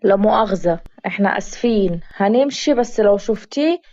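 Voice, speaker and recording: A woman's voice: mid-range voice, animated, fairly quick, darkish tone, muffled recording, close to an everyday voice. A woman voicing menacing searching men. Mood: guarded. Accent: Egyptian Arabic.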